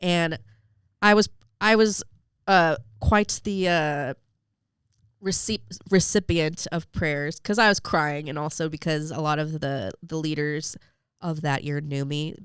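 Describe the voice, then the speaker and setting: A woman's voice: deep voice, fairly even intonation, unhurried, smooth, no room sound, studio quality. A young woman telling a heartfelt personal story as a podcast guest, with lots of "like" and fillers. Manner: emotional storytelling with many fillers. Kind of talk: personal faith story in an interview.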